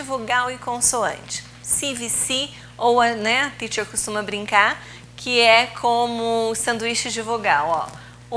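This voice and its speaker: A woman teaching English in a recorded video lesson, explaining rules slowly and patiently, drawing out key words, with Portuguese as her first language. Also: a little high, bright, forceful tone, slight background noise, rough recording.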